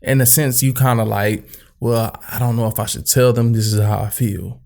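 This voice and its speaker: A man hosting a casual podcast chat, talking in halting, looping phrases and calling his guest bro. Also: medium pitch, steady tone, vocal fry, darkish tone. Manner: halting, restarts often, calls people bro. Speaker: podcast host.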